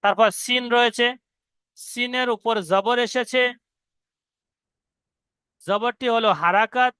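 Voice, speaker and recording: High-voiced man spelling out syllables slowly. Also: fairly even intonation, sharp tone, clear, resonant tone, no echo. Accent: Indian Bengali. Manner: slow, drawn-out syllable-by-syllable spelling. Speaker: Quran reading teacher. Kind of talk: spelling-out recitation lesson.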